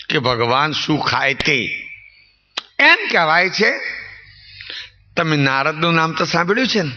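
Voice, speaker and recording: A man giving a storytelling sermon, putting rhetorical questions to his listeners and swinging his delivery for emphasis. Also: fairly high pitch. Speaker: preacher. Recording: dull lo-fi recording.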